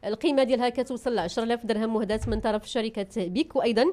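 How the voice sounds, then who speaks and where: A woman with a Moroccan accent hosting a live radio program, chatty and quick to praise the children she talks to. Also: on the high side, fairly even intonation, mellow. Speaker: radio host.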